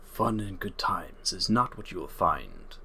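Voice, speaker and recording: Man voicing a stern low centaur guardian. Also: lively intonation, unhurried, slightly rough, full character voice. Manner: low, soft, solemn voice.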